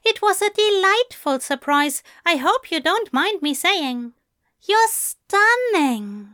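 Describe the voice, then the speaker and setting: A woman voicing a fussy, gentle male angel who speaks in a prim, courteous, old-fashioned way. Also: very high-pitched, sing-song, slow, no room sound, clean studio sound, voice pushed up, exaggerated voice. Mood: adoring. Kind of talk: fan audiobook reading.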